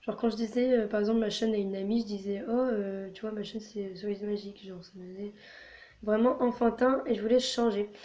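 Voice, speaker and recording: Rambling hoarse French-speaking woman. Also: mid-range voice, mellow. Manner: rambling, full of filler words. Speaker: channel host. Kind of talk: casual gaming vlog chatter.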